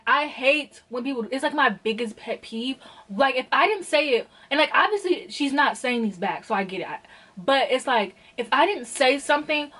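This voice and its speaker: A woman's voice: high-pitched, a bit bright, breathy edge, poor audio. A woman talking casually in a book review vlog, chatty and exasperated, leaning hard on the filler "like". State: out of breath. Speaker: book vlogger.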